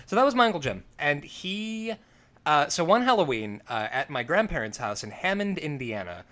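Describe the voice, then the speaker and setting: A man's voice: on the high side, very animated, normal speed, a bit bright. A man co-hosting a podcast who tells rambling stories in casual chat, full of fillers and restarts. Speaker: podcast co-host.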